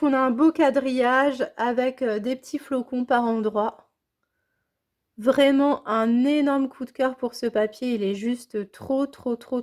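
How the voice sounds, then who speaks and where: A woman's voice: high voice, darkish tone. A woman chatting casually as she unboxes scrapbooking supplies, gushing and repeating her praise with enthusiasm. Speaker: scrapbooking vlogger.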